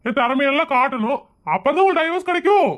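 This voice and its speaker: A man's voice: very high-pitched, animated, fast talker, fairly bright tone. A man playing a pompous, easily offended lawyer in a comedy skit, self-important and indignant. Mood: boastful.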